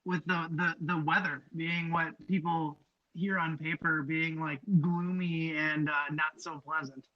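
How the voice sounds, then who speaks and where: A man's voice: on the high side, flat delivery, measured pace, no echo, highs cut off. A man co-hosting a casual soccer podcast, asking the guest long, rambling questions. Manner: rambling questions, lots of fillers. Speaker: podcast co-host.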